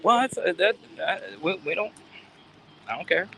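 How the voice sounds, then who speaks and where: A man's voice: high voice, lively intonation, normal speed, vocal fry, fairly bright tone, slight background noise, poor audio. A man hosting a casual outdoor phone livestream, rambling and joking as he talks to his viewers. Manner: rambling, chatty, jokey asides to viewers. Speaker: sports fan channel host. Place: outdoors in a city, near a palace.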